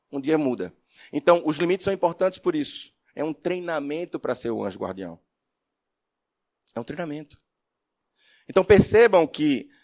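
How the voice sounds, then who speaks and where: A man giving a religious lecture as a spiritist speaker and professor, telling stories expressively and asking the audience questions. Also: fairly high pitch. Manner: expressive storyteller, asks the audience questions, swings from loud to soft.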